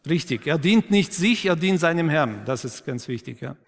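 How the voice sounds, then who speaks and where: Slightly high-voiced preacher in a reverberant church. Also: male voice, expressive. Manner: asks the congregation questions and affirms their answers; slows and drops to a quiet, emphatic tone for key points. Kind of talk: sermon. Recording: long reverb of a church hall.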